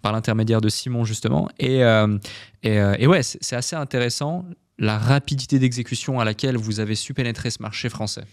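A man's voice: mid-range voice, steady tone, brisk. A man hosting an interview, asking long questions full of fillers and restarts. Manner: hesitant, many fillers and repeated words. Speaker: podcast host.

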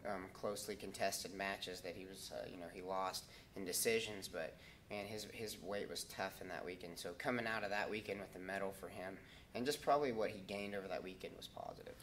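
A man in his thirties, a head wrestling coach, answering interview questions in a halting way with many ums and restarts, standing in a school wrestling room. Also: deep voice, fairly even intonation, fairly bright tone, a little hiss or hum.

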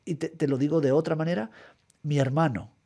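A middle-aged man from Guatemala, a writer, speaks thoughtfully and methodically in a radio interview, repeating words as he reaches for them. His voice is fairly high yet dark and gravelly, steady in tone and a little fast. It is recorded on a studio microphone.

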